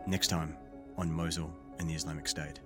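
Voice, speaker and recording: Very deep-voiced documentary narrator. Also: male voice, level tone, normal speed, over music. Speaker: host, narrator.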